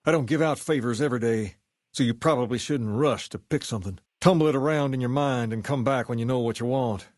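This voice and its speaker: A man playing a self-assured, folksy gang boss in a video game, with a Southern US accent and a measured way of talking. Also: mid-range voice, a little mellow, no echo, clean studio sound, natural voice. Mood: easygoing, assured. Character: charismatic, folksy male gang boss styled on a rock-and-roll idol. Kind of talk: video game character dialogue.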